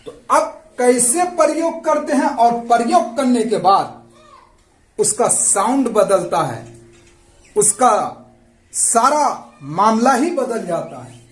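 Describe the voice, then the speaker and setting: A man's voice: extremely high pitch, echoey room. A man teaching a lesson, patiently repeating and spelling out sounds. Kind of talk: slow explanatory lesson.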